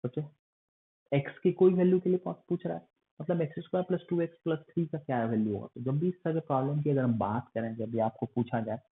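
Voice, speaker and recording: A man's voice: fairly high pitch, quick pace, a little hiss or hum. A male math teacher giving an online lecture, in terms, coaxing and scolding his students like a strict elder. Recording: phone-like lo-fi recording.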